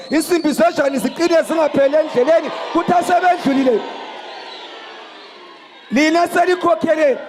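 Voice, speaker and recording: A man reciting praise poetry in a forceful, declaiming manner, calling out lines in bursts. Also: very high voice. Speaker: praise poet. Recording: echoey hall.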